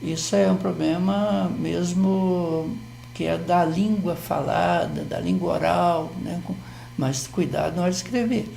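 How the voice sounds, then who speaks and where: Gravelly Brazilian teacher, patient explainer. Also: male voice, high-pitched, steady tone, unhurried, dark tone, slight background noise. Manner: patient, explanatory, frequent tag questions. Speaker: Portuguese language teacher. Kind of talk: TV grammar lesson explanation.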